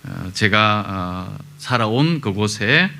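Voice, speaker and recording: Man, pastor, sermon in a church, lowish voice, bright forceful tone, unhurried anecdotes with hesitant fillers. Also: animated, vocal fry. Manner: conversational storytelling with many pauses and fillers. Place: church sanctuary.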